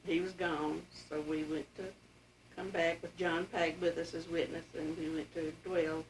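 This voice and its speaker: A fairly low, flat voice belongs to an old Appalachian woman who talks a little slowly while recounting family stories in a plain, folksy manner during an interview. The recording, made at home with the mic set far away, is clearly noisy.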